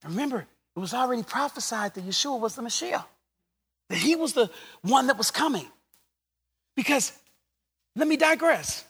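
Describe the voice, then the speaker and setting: A middle-aged man preaches with a very high, bright voice that rises and falls with lively movement. He moves between quiet asides and shouted exhortations. The sound carries a long reverb, as in a large hall. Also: moderate pace, gravelly, pauses often, breathy edge. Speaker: pastor. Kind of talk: sermon.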